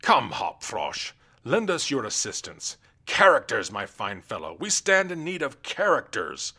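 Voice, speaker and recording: A man's voice: wildly swooping pitch, unhurried, bright, forceful tone, breathy edge, heavily acted. A man voicing a blustering, cruel fat king who mocks and bullies his jester. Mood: cajoling. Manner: booming, mocking, bullying.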